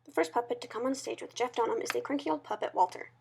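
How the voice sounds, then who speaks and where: A woman's voice: a little high, quick pace, gravelly, darkish tone, a little hiss or hum. A woman reading a scripted review aloud, as a presenter who now and then stumbles over the written words. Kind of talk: scripted narration read aloud.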